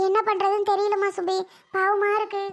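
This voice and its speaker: A woman's voice: very high-pitched, monotone, fairly quick. A woman voicing a tired young mother in a cartoon, fretful and soothing toward her crying baby. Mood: weary. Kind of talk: cartoon voice acting.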